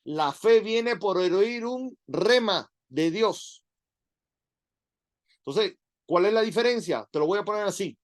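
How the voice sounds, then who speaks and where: A middle-aged man, preaching a sermon in an animated, conversational way full of rhetorical questions. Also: sits high, slow pace.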